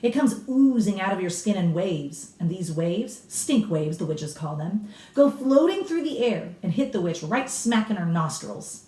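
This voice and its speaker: In a storybook reading, a woman takes on an old, cigar-smoking grandmother, authoritative and blunt, who savors grisly witch lore and explains it with snappish, emphatic relish. Her medium-pitched voice is dark in tone, very animated, and unhurried. The sound is echoey and roomy, recorded from a distance.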